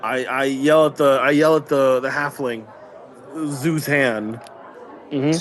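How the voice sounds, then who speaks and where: A man's voice: medium pitch, steady tone, slow, a faint crowd. A man playing a tabletop game, jokey and stammering as he talks in character over faint music. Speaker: player.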